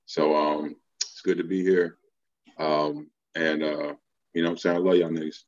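A man's voice: very deep voice, little pitch movement, normal speed, darkish tone. An American man speaking in casual slang on a video call with dull audio.

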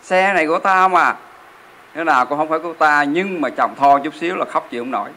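In a temple hall, a male Buddhist monk delivers a sermon at a quick pace. His voice is fairly high and bright with a forceful ring, and he keeps throwing rhetorical questions at his listeners.

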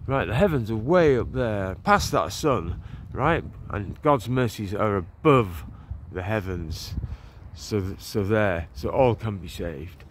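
A man's voice: fairly low pitch, animated, takes it slowly. Guy in his 40s walking n preaching into his phone outside, earnest, rambly, bit of traffic noise behind. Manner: earnest, rambling, with many restarts and "you know"; walking while talking. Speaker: street preacher. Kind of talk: walk-and-talk preaching vlog. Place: outdoors on a leafy town street and park. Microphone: phone camera held at arm's length. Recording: faint street noise and passing cars.

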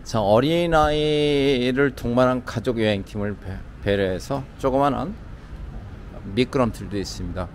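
A travel vlogger with a medium-pitched male voice walks casually around a city hotel's outdoor pool, narrating at a moderate pace. He talks conversationally and leans on the fillers "자" and "뭐" a lot. It's recorded outdoors on a handheld camera mic, with city traffic audible in the background.

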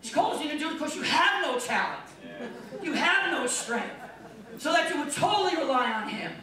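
A pastor preaching a sermon with emphatic delivery and playful asides. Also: male voice, very high voice, sing-song, normal speed, a crowd in the background. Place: church sanctuary. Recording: echoey church, mic far off.

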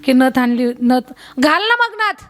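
A woman's voice: high voice, expressive, takes it slowly, a bit bright, heavily acted. A woman preacher voicing a fussy village husband who coaxes and lectures his wife, within her sermon story. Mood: coaxing.

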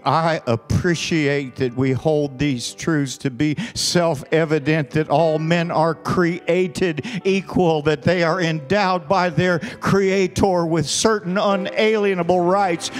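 Middle-aged man preaching, slow and deliberate, emphatic, long church reverb, faint music behind. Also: on the high side. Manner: emphatic, rising to forceful declarations. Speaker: pastor. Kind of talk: sermon. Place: large church sanctuary, on stage. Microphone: handheld mic, then pulpit mic.

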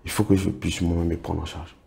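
A man's voice: low-pitched, level tone, a little fast, vocal fry, mellow. A middle-aged man, telling stories as a guest in a casual interview and acting out what others said to him. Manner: recounts anecdotes, acts out others' words. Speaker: interview guest, project financing consultant.

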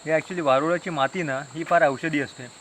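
A man's voice: fairly high pitch, fairly even intonation, brisk, fairly bright tone, a little hiss or hum, rough recording. A man with a Konkan Marathi accent vlogging casually outdoors, chatty and teasing as he shows things to his viewers. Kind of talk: casual village vlog narration. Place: outdoors in a village and forest. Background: insects and birds.

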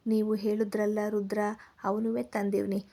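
A woman's voice: medium pitch, little pitch movement, moderate pace, vocal fry, warm tone. A woman voicing a polite, eager middle-aged goldsmith who explains himself.

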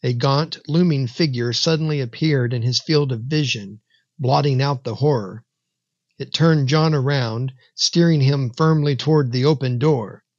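A man narrating a scripted horror story in a slow, measured, dramatic way. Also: mid-range voice, dry recording, lo-fi sound.

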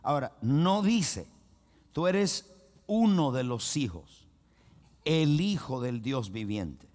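A man of medium pitch preaches slowly in a sing-song, slightly mellow voice. As pastor he is emphatic and repetitive, often restarting and inviting the congregation to repeat after him and say amen.

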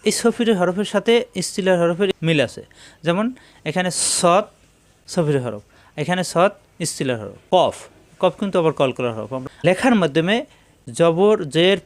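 Male Quran teacher, slightly raised pitch, patient drilling delivery. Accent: Bangladeshi Bengali. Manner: drills letters slowly, repeating sounds for learners to copy. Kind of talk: step-by-step pronunciation lesson.

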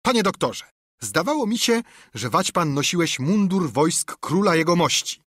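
A man's voice: high voice, big pitch swings, moderate pace, a bit bright, dry recording, clean studio sound, pitched above the performer's own voice, exaggerated voice. A man voicing a proud, unyielding naval ship captain in a storybook reading, who speaks in a commanding, curt and scornful way. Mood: scolding.

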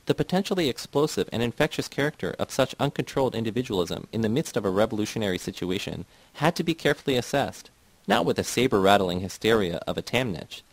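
A man's voice: on the low side, dry recording, poor audio. A man reading a cold, doctrinaire party man who lectures.

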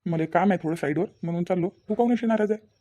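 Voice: medium pitch, fast talker, dark tone, lo-fi sound, natural voice. Performer voicing a soothing cartoon father with a Vidarbha accent. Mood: hurried. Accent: Vidarbha Marathi. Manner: reassuring, repetitive. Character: kindly father figure, soothing and protective. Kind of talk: cartoon voice acting.

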